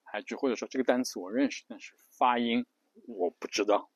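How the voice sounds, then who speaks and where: A man's voice: medium pitch, fairly even intonation, fast, no room sound. A man hosting an English-learning channel, explaining a study method in a casual spoken lesson, hesitant and full of restarts and fillers. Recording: muffled, lo-fi dry recording.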